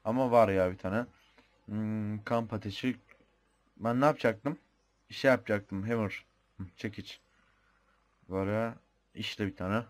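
His voice fairly low and a little slow, with long pauses, a young gamer with a Turkish accent casually talks over his own gameplay. He's chatty, thinks aloud and mutters an occasional mild swear.

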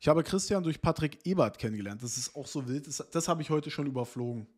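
A man in his thirties reads an interview aloud on stream in a small room, then chats about it casually, adding loose asides full of fillers. His voice is husky and fairly high-pitched, and he talks at a quick pace.

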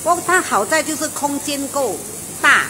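Speaking at a normal pace in a high, expressive voice, a middle-aged woman from Malaysia hosts a food show from inside a restaurant. Her casual review is a chatty, enthusiastic exchange with the owner, peppered with exclamations and fillers, and the background is noisy.

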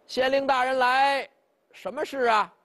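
A storyteller voicing an aloof old drunken hermit who talks in a drawling, mock-humble way. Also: male voice, very high-pitched, fairly even intonation, measured pace, fairly bright tone, voice pushed up. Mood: wry, aloof.

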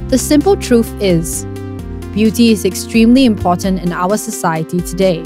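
Woman, scripted documentary narration, clear delivery, music clearly behind. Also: mid-range voice, expressive, moderate pace.

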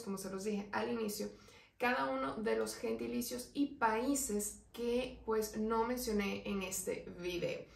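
A woman teaching an online language lesson, explaining patiently and slowing right down to spell out each example word. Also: a little high, far from the mic. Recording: roomy echo, voice away from the mic.

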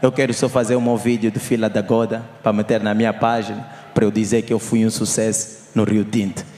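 A young man with an Angolan Portuguese accent doing live stand-up, teasing the crowd loudly and shouting his punchlines. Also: on the low side, little pitch movement, a little fast. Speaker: stand-up comedian. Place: live comedy show on stage. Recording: echoey hall with crowd.

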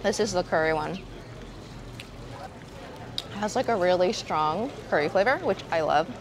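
A woman's voice: fairly low pitch, lively intonation, moderate pace. Upbeat food-vlog woman speaking through a face mask, bouncy intonation, recorded on a busy street with crowd noise. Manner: chatty, upbeat, tasting and reviewing with little hums. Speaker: food vlogger. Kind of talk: casual food vlog chat. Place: busy city street outdoors. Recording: loud street crowd behind. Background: crowd and passing traffic.

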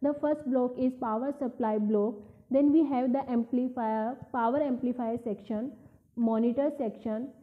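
This Indian-accented woman in her twenties, a product demonstrator, gives a step-by-step instructional demo in a plain, steady, fairly high voice at normal speed. The sound is phone quality, roomy and echoing, from an indoor office showroom lined with shelves.

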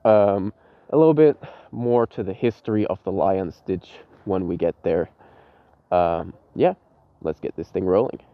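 A man's voice: low-pitched, unhurried, phone-quality sound. A man who is sick with a cold giving a casual, informal vlog introduction on a city street. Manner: informal, sweary. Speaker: motovlogger. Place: outdoors on a city street beside a parked motorcycle.

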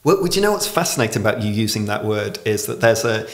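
A low-voiced man with plenty of creak talks as a podcast guest. He says his r's like w's and explains things in a reflective, conversational way. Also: very animated, fast. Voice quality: pronounces r as w. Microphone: podcast microphone on desk stand.

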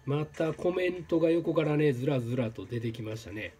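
A man commentating his own gameplay, exclaiming and repeating words in quick bursts. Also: on the high side, animated, dark tone. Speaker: game streamer. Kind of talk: excited let's-play commentary.

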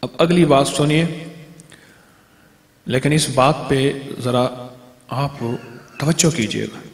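A man's voice: medium pitch, takes it slowly. A man preaching a religious sermon in a fervent, repetitive, pleading cadence. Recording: echoey hall with long reverb.

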